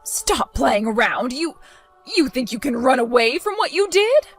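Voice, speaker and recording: A spiteful, scheming mother-in-law, voiced by a woman in a dramatized story, protesting her innocence in a high, swooping voice. Soft music plays beneath her. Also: sing-song, a little slow, full character voice. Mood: indignant.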